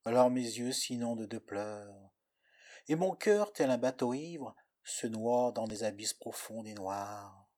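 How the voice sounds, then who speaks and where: A man's voice: mid-range voice, takes it slowly, a little mellow. A man narrating a poetic story in the first person with a dramatic, lyrical delivery.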